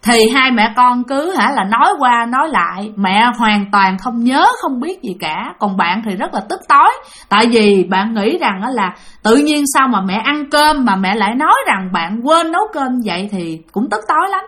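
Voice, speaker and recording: A woman's voice: on the high side, expressive, normal speed, a bit bright. Chatty Southern Vietnamese woman telling ghost stories. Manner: chatty, addresses listeners directly. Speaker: storyteller. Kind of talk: spoken ghost story narration.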